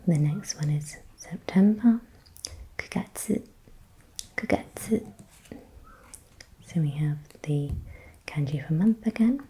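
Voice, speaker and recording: A woman whispering softly in ASMR style, slowly repeating words and thinking aloud as she guesses. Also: deep voice, expressive, breathy edge, rough recording. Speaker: ASMR creator.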